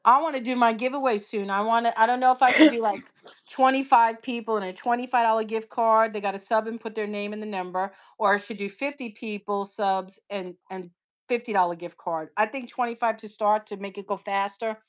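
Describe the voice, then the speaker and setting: Woman in her fifties, live-stream host, blunt and chatty, slightly high voice, phone mic at arm's length. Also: steady tone, brisk. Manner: chatty, blunt, laughs easily. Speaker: cooking channel host. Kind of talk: casual live-stream chat. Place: living room at home. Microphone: phone held at arm's length.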